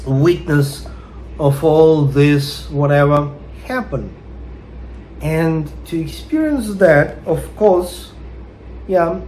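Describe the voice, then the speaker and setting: A man's voice: on the high side, a little hiss or hum. A man with a Russian accent and Russian as his first language, giving a spiritual talk that reads out quotes and explains them, hesitant and full of fillers. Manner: hesitant, many fillers, unhurried. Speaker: spiritual teacher.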